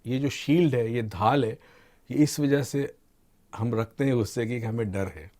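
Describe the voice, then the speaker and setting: A middle-aged man explaining ideas to a host in an unhurried teaching way, slipping English terms into his talk. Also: medium pitch. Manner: calm teaching tone, mixes English terms into Urdu. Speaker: expert guest on motivation and mind training. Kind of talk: explanatory discussion.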